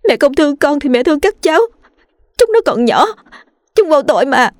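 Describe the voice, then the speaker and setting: A woman's voice: sits high, big pitch swings, brisk, dry recording, clean studio sound, pitched above the performer's own voice. A woman voicing a desperate young wife begging her mother-in-law through tears, in a narrated ghost story. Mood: pleading. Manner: begging, tearful.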